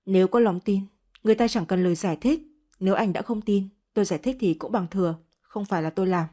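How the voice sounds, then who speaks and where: A woman voicing a young woman who answers with calm, restrained firmness. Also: mid-range voice, quick pace, natural voice. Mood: cool. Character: calm wronged young woman, cool and firm.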